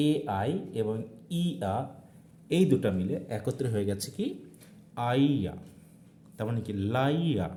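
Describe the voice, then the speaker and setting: A man's voice: mid-range voice, dark tone, reverberant, slight background noise. A man teaching a video class, lecturing with rising check questions and stretched emphasis on key terms. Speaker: English teacher.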